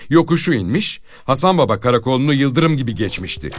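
A man reading a short story aloud in an expressive, dramatic storytelling manner. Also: mid-range voice, fast talker. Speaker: narrator.

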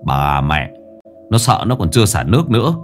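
A man voicing a gruff, blunt older man who swears and talks low in a ghost story. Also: very animated, normal speed, faint music behind.

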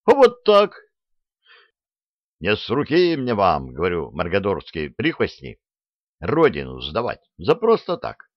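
A man's voice: on the low side, huge pitch swings, unhurried, pauses often, dry recording, lo-fi sound, exaggerated voice. Sly double agent Butler, read by a man. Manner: sly, boastful storytelling. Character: cunning sly male double agent sergeant.

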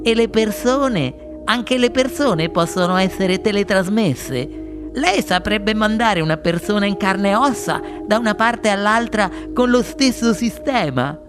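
A brash, pushy boy hooked on television, as a man puts him on, raised a little in pitch. He presses his questions in a storybook reading with music underneath. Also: lively intonation, measured pace.

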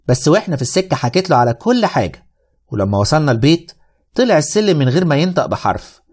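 A man with an Egyptian accent narrates a radio drama in the first person, telling the story in a wry, lively way. His voice is mid-range and husky.

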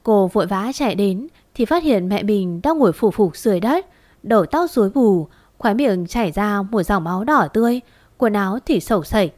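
A woman's voice: mid-range voice, moderate pace, dry recording. Woman narrating a dramatic story, dry and close. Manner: steady, expressive storytelling.

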